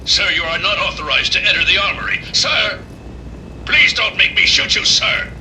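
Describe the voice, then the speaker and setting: Barking robot guard with a metallic filter. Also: male voice, high voice, lively intonation, normal speed, bright, forceful tone, exaggerated voice. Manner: clipped barking drill-sergeant delivery, calls everyone sir. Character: gruff male military robot guard. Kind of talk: video game dialogue. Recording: distant noisy game audio.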